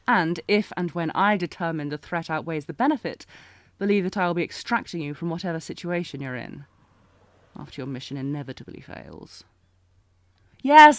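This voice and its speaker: In this scripted fantasy audio roleplay, a woman voices a sardonic knight bodyguard, acting out one side of the dialogue with a light touch. Her voice sits slightly low and comes through a dry recording with no echo. She taunts and gives orders, fiercely protective and intense.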